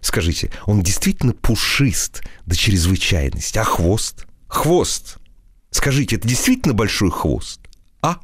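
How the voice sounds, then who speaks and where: A man voicing an excitable, fawning male wit who gushes compliments with breathless sighing exclamations. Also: fairly low pitch, measured pace, breathy edge, dry recording, studio quality, exaggerated voice. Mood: gushing.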